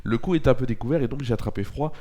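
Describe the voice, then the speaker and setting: Racing through a local news and weather bulletin, a young man speaks in a medium-pitched voice with a dark tone, his nose stuffed up from a cold. Hesitation marks his delivery, with frequent fillers and repeated self-corrections.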